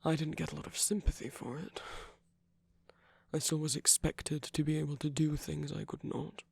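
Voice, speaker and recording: Here the same gentle, wry sorcerer-villain soothes a loved one in a close ASMR roleplay, speaking in a breathy, husky, faintly creaky voice. The pitch sits fairly high with a level tone, and his hushed, halting, measured speech is full of pauses and feels wistful and confiding, recorded with no room sound.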